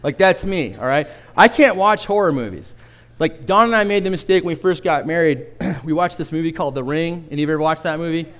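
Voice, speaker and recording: Conversational man preaching, a bit high. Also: brisk, fairly bright tone. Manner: conversational and humorous, asks the congregation questions. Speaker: pastor. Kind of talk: sermon.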